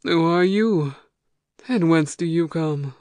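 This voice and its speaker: A woman's voice: low voice, slow pace, a little mellow, dry recording. Woman as dry-sounding hundred-eyed watchman Argus. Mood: challenging. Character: hundred-eyed male giant watchman, self-assured, hospitable. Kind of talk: amateur audio play reading.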